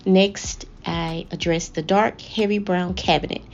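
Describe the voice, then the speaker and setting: Female home decor vlogger, scripted narration, lowish pitch with vocal fry, measured phrasing. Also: fairly even intonation, highs cut off, slight background noise. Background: background music.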